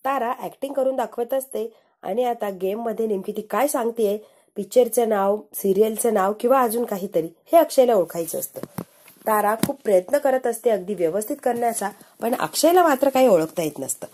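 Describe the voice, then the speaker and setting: A woman's voice: a little high, fairly quick, mellow. A woman narrating a recap of a TV serial episode in a casual storytelling way, retelling scenes in the present tense and reading out each character's lines.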